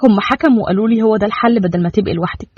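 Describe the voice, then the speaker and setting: A man's voice: sits high, very fast, darkish tone, husky, no room sound. A man voicing a young, naive Bedouin girl with an Egyptian Arabic accent, asking eager, wide-eyed questions in a storybook reading. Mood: sad. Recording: dull lo-fi dry recording.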